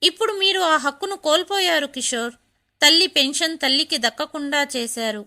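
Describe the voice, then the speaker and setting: A woman's voice: high-pitched, moderate pace, bright, forceful tone. A woman reading the lines of a firm, formal male lawyer in a storybook tale. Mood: stern.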